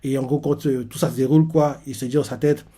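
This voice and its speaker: A man's voice: mid-range voice, fairly even intonation, quick pace, dark tone. A man giving a rambling, casual reaction commentary on a manga chapter. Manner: rambling, full of fillers and "en gros".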